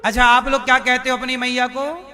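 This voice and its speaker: A man's voice: very high-pitched, completely flat delivery, brisk, pushed and bright. A man preaching a devotional sermon, often questioning the audience and chanting verses. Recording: live hall with music behind.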